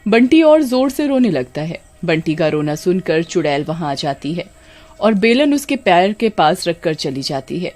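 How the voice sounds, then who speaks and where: Female storyteller, steady scripted narration of a scary tale. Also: lowish voice, unhurried.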